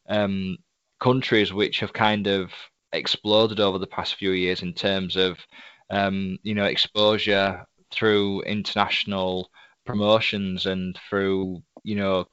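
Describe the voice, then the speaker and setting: Guy hosting a podcast interview, low smooth voice, polite and wordy, dry dullish audio. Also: a bit bright, no room sound, dull audio. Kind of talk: casual interview. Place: indoors at a desk.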